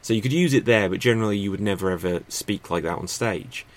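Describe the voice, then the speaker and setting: A man's voice: fairly low pitch, fast. A man hosting a podcast, explaining improv stagecraft in a chatty, off-the-cuff way. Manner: chatty, thinks aloud with fillers and restarts. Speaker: podcast host teaching improv. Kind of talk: unscripted instructional talk. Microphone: podcast microphone.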